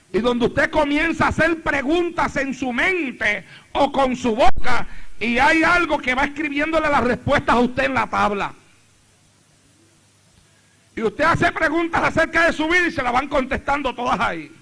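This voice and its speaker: A man's voice: very high-pitched, vocal fry, bright, forceful tone. A middle-aged man preaching a sermon as pastor, repeating phrases with rising fervor. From Puerto Rico.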